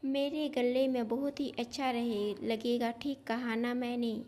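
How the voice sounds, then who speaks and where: A woman's voice: fairly high pitch, level tone, unhurried, warm tone, natural voice. A woman voicing a sly, greedy young woman in a storybook tale, wheedling and scheming. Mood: gleeful.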